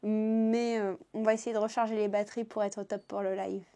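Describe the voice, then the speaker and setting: A woman's voice: mid-range voice, flat delivery, fairly quick, warm tone. A young woman from France chatting casually in a book vlog, with lots of fillers, saying she is tired. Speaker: book vlogger.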